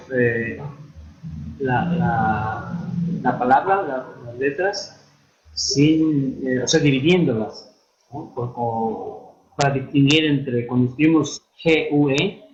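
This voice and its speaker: A man giving an online lesson on writing and spelling, with a Mexican Spanish accent, unhurried and hesitant with many fillers and restarts. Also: medium pitch. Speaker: instructor. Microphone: computer mic for a virtual classroom. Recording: echoey, dull online-classroom audio.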